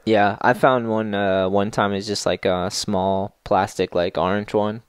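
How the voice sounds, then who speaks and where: A man's voice: fairly low pitch, flat delivery, measured pace, clean tone, no room sound. A man in his thirties in casual podcast chat, laid-back and slangy, swearing often. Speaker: podcast co-host. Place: small studio room, indoors. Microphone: boom mic with headphones.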